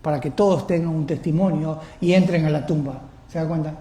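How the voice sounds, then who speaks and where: Male pastor, high voice, sermon in an echoey church hall. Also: a little fast, warm tone. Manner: questions the congregation often.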